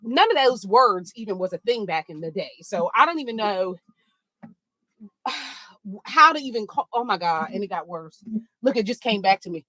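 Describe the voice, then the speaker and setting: A woman telling a funny story in a sassy, animated way, talking to listeners as girl and baby while she walks on a treadmill. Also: medium pitch, moderate pace, no echo. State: walking on a treadmill. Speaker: podcast host. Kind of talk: casual storytelling while walking. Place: home treadmill, indoors.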